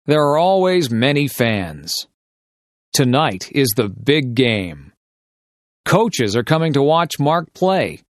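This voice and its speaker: A man reading short, simple sentences as dictation for English learners, enunciating each one carefully and deliberately. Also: medium pitch, no echo, studio quality.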